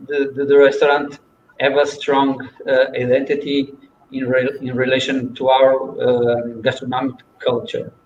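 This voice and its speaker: Slow, halting man on a distant muffled mic. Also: medium pitch. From Portugal. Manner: hesitant, many restarts. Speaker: restaurant owner. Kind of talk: online panel introduction. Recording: distant, roomy, muffled with faint noise.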